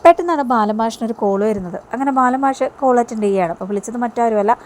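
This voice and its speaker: A woman's voice: fairly high pitch, quick pace, darkish tone, a little hiss or hum. Chatty woman retelling a soap episode. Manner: chatty, storytelling. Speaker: TV serial reviewer.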